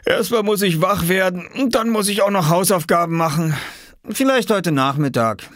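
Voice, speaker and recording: An easygoing boy, as a man puts him on for a storybook reading, pitched up but less than the others. He talks in a relaxed, amused way and shrugs things off. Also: normal speed, no echo, studio quality. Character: boy, easygoing, friendly, laid-back.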